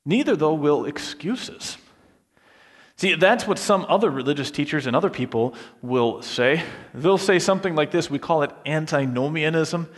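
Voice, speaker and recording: A man's voice: a little high, lively intonation, moderate pace. Man preaching in an echoing hall. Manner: earnest, rhetorical questions, acts out quoted voices. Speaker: pastor. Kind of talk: sermon. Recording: preached in a hall with long reverb.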